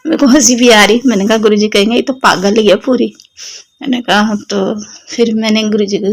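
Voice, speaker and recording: A young woman with a Delhi Hindi accent and a slightly sore throat, sharing a devotional testimony with fervent, personal warmth as she speaks directly to the congregation. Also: medium pitch, slightly rough. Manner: addresses listeners as sangat ji, fervent and personal. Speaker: devotee sharing satsang experience.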